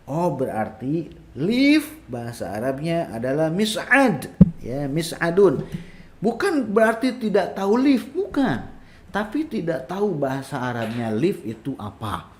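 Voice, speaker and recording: A man teaching Arabic in a casual online lesson, explaining patiently and drawing out example phrases slowly. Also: medium pitch.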